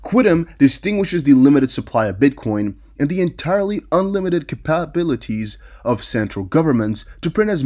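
With a medium pitch and a darkish tone, this young Dutch-speaking man runs a crypto news YouTube channel. He reads through articles in a relaxed way, adding his own remarks, and often trips over or repeats words.

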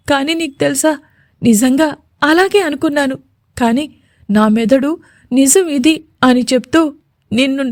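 A woman's voice: high voice, darkish tone, dry recording, studio quality. A woman voicing a tearful young woman in love. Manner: trembling, pleading, breaks into short phrases. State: crying.

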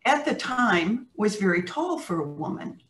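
An older American woman, a guest on a video call, tells reflective stories in a mid-range, sing-song, fairly bright voice, measured and thoughtful with pauses and restarts. She sits indoors in a home room with plants, and the distant webcam makes the audio roomy.

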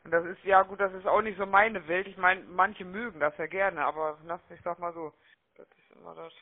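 A man with a high, steady voice talks a little fast as a call-centre agent on a chatty, unscripted sales call. He is chummy and wordy, often ending sentences with little questioning tags, and the telephone-line audio is muffled and narrow-band.

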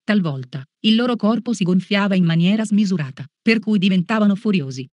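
A catechist reading a religious lesson aloud in a slow, measured, solemn way. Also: medium pitch, expressive, darkish tone, dry recording.

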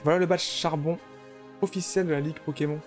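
A man's voice: steady tone, brisk, faint music behind, lightly acted. A man reading out a proud male gym leader's lines from a video game, in a formal tone. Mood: gracious. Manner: reads game dialogue aloud, lightly raised pitch.

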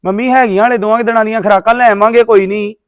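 A man's voice: sits high, steady tone, racing, clean tone, no room sound, studio quality, close to an everyday voice. A man with a Punjabi accent playing an evasive young village son who keeps brushing off his mother's questions. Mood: easygoing. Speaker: grown son. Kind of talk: village drama acting.

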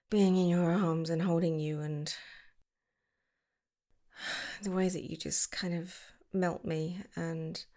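A woman with a voice on the low side performs an ASMR girlfriend roleplay. She's affectionate and gushing, slipping into whispers, with slight vocal fry.

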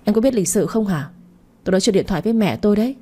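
A woman's voice: medium pitch, lively intonation, very fast, warm tone, slightly rough. A woman reading the part of a prickly young woman who answers a persistent suitor with curt, sarcastic retorts.

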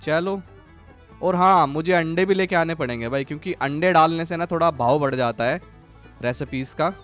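A man's voice: a little high, moderate pace, a bit bright, soft background music. A man giving casual, chatty commentary over his farming game, constantly addressing his viewers as friends. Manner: chatty, keeps calling viewers "guys" and "bhai". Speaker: gaming channel host.

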